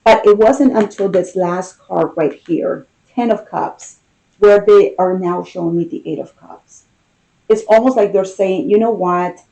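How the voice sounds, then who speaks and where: A woman giving an unscripted, intimate tarot card reading, musing aloud with pauses and repeated phrases. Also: medium pitch, vocal fry, mellow, rough recording.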